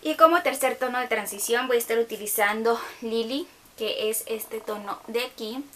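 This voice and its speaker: A woman's voice: a little high, moderate pace. Chatty young woman. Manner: chatty, with hesitant fillers. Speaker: makeup tutorial host. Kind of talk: casual makeup tutorial talk. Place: her bedroom.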